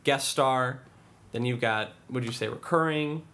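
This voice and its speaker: Man calmly explaining as podcast host. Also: mid-range voice, a little slow. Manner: explanatory, walks through things step by step. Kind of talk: casual interview chat.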